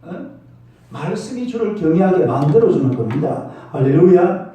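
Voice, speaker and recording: A man's voice: sits high, very animated, normal speed, warm tone. A male pastor preaching a sermon, emphatic, calling out to the congregation for responses. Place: church sanctuary. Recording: echoey church hall from far off.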